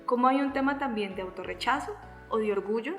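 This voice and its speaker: A woman's voice: fairly high pitch, fast, soft background music. A woman with a Colombian accent hosting a faith podcast, framing the topic in a thoughtful, hesitant way with tag questions. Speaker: host. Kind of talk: casual faith-based podcast chat.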